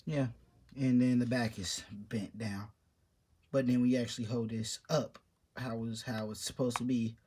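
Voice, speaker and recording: A man's voice: medium pitch, steady tone, a little slow, mellow, slightly rough. A young man in a casual show-and-tell vlog, rambling offhandedly about his papercraft build and trailing off mid-sentence. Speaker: papercraft hobby vlogger.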